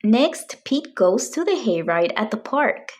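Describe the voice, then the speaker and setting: A woman reads a children's story aloud. Her pitch moves around in a lively way, and she takes her time, phrasing each sentence deliberately for young listeners.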